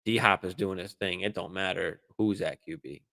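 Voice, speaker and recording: A man hosting a live fantasy football stream, answering viewer questions in a relaxed, casual way, swearing freely and using lots of fillers and restarts. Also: sits low, moderate pace, gravelly. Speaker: fantasy football show host.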